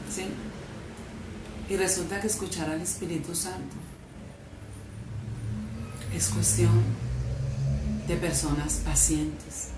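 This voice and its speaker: A woman's voice: medium pitch, far from the mic, a little hiss or hum. A woman with a Colombian accent preaching a fervent sermon to a congregation, with emphatic rises in her voice. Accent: Colombian Spanish. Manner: emphatic, rising to loud fervent peaks. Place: church hall. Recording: echoey hall, voice from off-mic.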